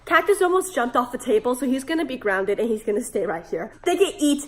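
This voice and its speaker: A woman presents a casual how-to pet video in a high voice. She sounds sick and hoarse, with a smoker's rasp, and keeps her delivery playful and animated. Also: a little fast. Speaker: pet care video host. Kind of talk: casual instructional vlog.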